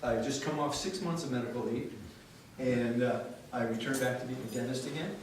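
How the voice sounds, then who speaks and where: A man's voice: medium pitch, a little fast, a little hiss or hum. An older man, a dentist, telling a candid personal story at a story-slam, earnest and wry, sometimes swearing for emphasis. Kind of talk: story-slam talk to a live audience. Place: large hall with a live audience. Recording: echoey hall, voice from far off.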